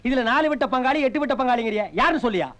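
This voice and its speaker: An actor playing a sarcastic middle-aged village man who fires off quick mocking retorts in a film comedy scene. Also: extremely high pitch, fairly bright tone. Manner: rapid scolding wisecracks. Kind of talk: 1990s film comedy dialogue.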